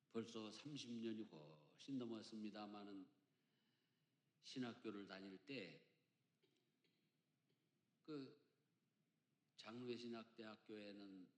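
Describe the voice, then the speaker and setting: A man in his fifties from Chungcheong, Korea, preaching a sermon as senior pastor, jumping between loud emphatic lines and quiet asides, with folksy jokes. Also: lowish voice. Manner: emphatic preacher with big swings between loud and soft, joking. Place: church sanctuary. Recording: echoey church hall.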